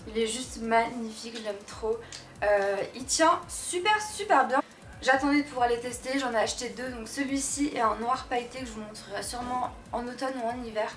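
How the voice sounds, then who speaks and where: Young female beauty vlogger, slight lisp, gushing slangy chat, echoey room, mic a bit far. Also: a little high. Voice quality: slight lisp from tongue piercing. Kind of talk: casual chat to viewers. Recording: roomy echo, distant mic, faint noise.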